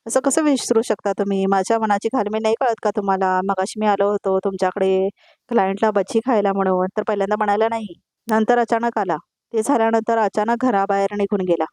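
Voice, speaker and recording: A woman's voice: mid-range voice, fairly even intonation, brisk, darkish tone, dry recording, lightly acted. Woman reading an anxious young husband, exasperated, firing questions, dry close sound.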